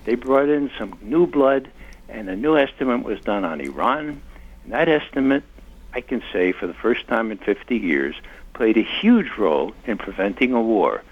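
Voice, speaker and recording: An older man speaking emphatically as an interview guest. His gravelly, husky voice swings widely in pitch. The recording sounds muffled and lo-fi. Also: lively intonation, moderate pace. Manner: impassioned, emphatic. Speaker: interview guest, former intelligence analyst. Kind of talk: conversational interview.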